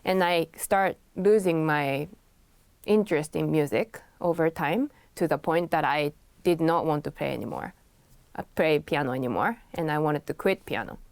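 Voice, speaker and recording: A woman from Japan, speaking as a pianist guest in a conversational interview. She talks in a soft-spoken way, with light laughs. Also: sits low, normal speed, dry recording.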